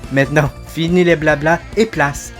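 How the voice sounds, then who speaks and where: A man's voice: fairly high pitch, fairly even intonation, moderate pace, faint music behind. A man hosting his own reaction video, chatting casually to viewers in a self-deprecating way.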